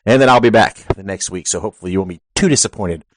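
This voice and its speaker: A man's voice: low-pitched, very fast, dry recording. A man hosting a wrestling podcast, reading show announcements and promos in a rambling way that corrects itself as it goes, speaking into a headset. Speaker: podcast host.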